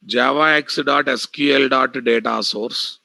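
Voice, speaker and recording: A man's voice: mid-range voice, steady tone, measured pace, gravelly, pushed and bright, no room sound. A man with an Indian Telugu accent teaching a live online programming class, bluntly addressing students and repeating key phrases. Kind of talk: live online technical lecture.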